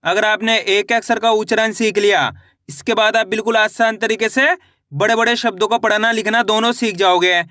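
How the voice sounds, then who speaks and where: A man with a high, bright voice gives a patient beginner lesson. He keeps asking questions and answering them himself, repeating each point. The sound is close and dry, with no room echo. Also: steady tone, moderate pace. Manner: repetitive, asks and answers own questions. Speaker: Hindi teacher. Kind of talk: online lesson.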